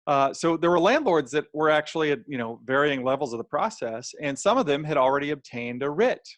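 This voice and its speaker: Presenting a webinar on housing law, a medium-pitched American man speaks plainly and conversationally, voicing hypothetical quotes to illustrate his points. He sounds a little strained and clears his throat, with no echo on the recording.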